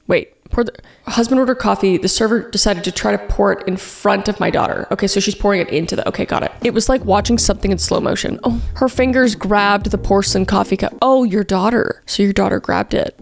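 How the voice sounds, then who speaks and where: A woman's voice: medium pitch, creaky. A woman host reading online posts aloud and breaking in with sarcastic, joking commentary. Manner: sarcastic asides, jokes at the writers. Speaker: comedy video host.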